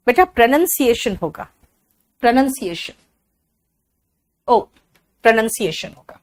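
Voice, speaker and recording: A woman from Bihar teaching spoken English, drilling each word slowly and calling her students "beta". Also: on the high side, a bit bright. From Bihar, India.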